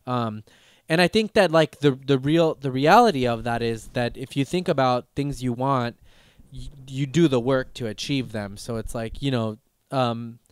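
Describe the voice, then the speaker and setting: A podcast host in his thirties rambles loosely through a chat at a normal speed, full of fillers, restarts and casual swearing. His smooth, clear voice sits at an everyday pitch, and the mic sound is dry and close with no echo.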